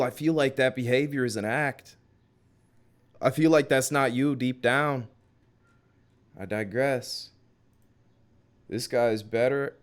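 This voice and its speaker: A man streaming live, reacting casually to videos and joking with his chat. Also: medium pitch. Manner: laid-back, joking asides to chat.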